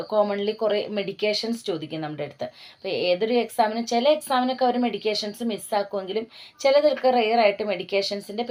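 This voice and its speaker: A female tutor from Kerala, giving an exam-prep lesson. She talks in encouraging teacherly asides and reads spellings out slowly, letter by letter. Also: mid-range voice, a little mellow. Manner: slow dictation of spellings letter by letter. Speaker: OET tutor.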